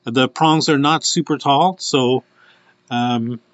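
A man's voice: medium pitch, fairly even intonation, takes it slowly, dry recording. Male host, casual live product showcase, rambling, lots of ums, muffled lo-fi sound, dead dry room. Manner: chatty and rambling, with many fillers.

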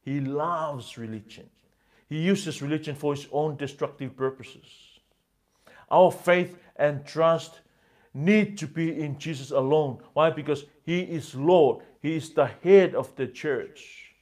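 Preaching with passion, this pastor speaks in a slightly high voice, lingering on emphatic phrases that rise loud and then drop to a hush.

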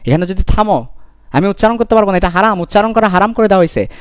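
A young man gives a live online chemistry lecture, animated, playful and given to repeating his points. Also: high voice, rapid-fire, smooth, no echo, studio quality. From Bangladesh. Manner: animated, repetitive, playful teasing. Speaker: chemistry teacher.

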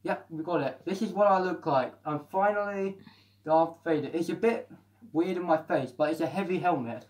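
A man chatting excitedly through a helmet mask, reviewing the helmet in a casual vlog. He talks indoors at home. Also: on the high side, normal speed. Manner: chatty and excitable, with frequent restarts. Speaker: product reviewer.

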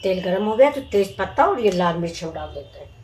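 A woman's voice: medium pitch, big pitch swings, fairly quick, a little mellow. A woman hosting a home cooking demonstration, chatting to viewers and explaining each step. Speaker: cooking channel host. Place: home kitchen with tiled walls. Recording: echoey kitchen with noise.

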